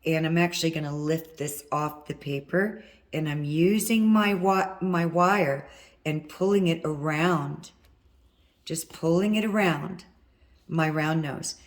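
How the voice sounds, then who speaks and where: A woman with a low, worn-out, hoarse voice walks through a hands-on wire craft lesson. She is middle-aged and husky, and she talks casually while she works. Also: fairly even intonation, measured pace. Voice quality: husky from vocal cord nodules. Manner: chatty, talks while working with her hands. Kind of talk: step-by-step craft tutorial.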